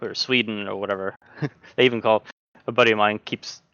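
A man's voice: on the low side, clear, resonant tone, dry recording, muffled recording. A young man from Norway, a sim racing driver, talking casually as a podcast guest with lots of fillers and restarts. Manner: relaxed, halting, many fillers and restarts.

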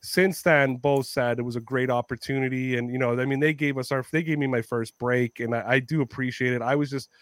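A man hosting a podcast, telling a story in casual chat, animated, swearing freely and acting out what people said. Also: mid-range voice, brisk, hardly any pauses, no room sound. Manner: animated storytelling, swears a lot, acts out quotes. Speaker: podcast host.

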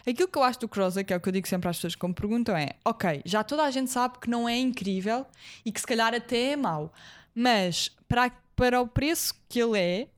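Young woman, European Portuguese accent, higher-pitched voice, casual slangy podcast co-host. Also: a little fast. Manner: informal, slangy. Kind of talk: casual chat.

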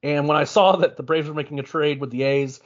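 A man's voice: fairly high pitch, a little fast. A man co-hosting a sports podcast, talking casually and thinking aloud with frequent restarts. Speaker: podcast co-host. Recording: muffled lo-fi podcast audio.

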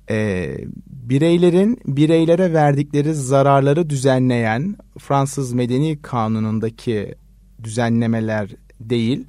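A man who is a legal scholar answers interview questions at an unhurried, measured pace, stopping often to hesitate mid-sentence. His voice sits at a middle pitch. The recording is dry and close. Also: warm tone, no echo. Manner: measured, frequent hesitation fillers. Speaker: law research assistant, guest expert. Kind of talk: explanatory radio interview answers.

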